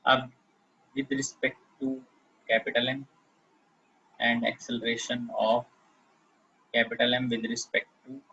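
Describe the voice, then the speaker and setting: A man's voice: medium pitch, bright, forceful tone, breathy edge, lo-fi sound. A man teaching physics in a classroom lecture, explaining step by step and often checking that students follow.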